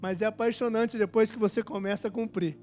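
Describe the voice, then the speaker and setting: High-voiced, impassioned preacher man. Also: fairly even intonation, brisk. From Brazil. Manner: impassioned, swings from hushed to shouting. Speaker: pastor. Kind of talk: sermon. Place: large church hall at a conference. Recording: hall reverb with music under it.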